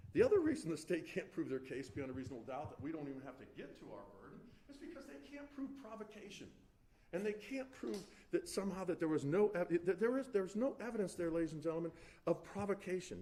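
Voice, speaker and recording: Male defense lawyer in a courtroom, slightly high voice, very animated pitch, insistent delivery to the jury. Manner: emphatic, addresses the jury repeatedly, frequent restarts. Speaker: defense attorney. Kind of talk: courtroom closing argument to a jury.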